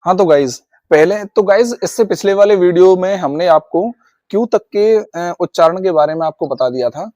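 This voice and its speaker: A man with an Indian accent runs a video lesson on English pronunciation. His voice sits high and the sound is dry and close, with no room around it. He often calls his viewers "guys" and repeats each rule as he goes. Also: moderate pace, darkish tone, no room sound. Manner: repetitive, addresses viewers as guys. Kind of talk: classroom-style video lesson.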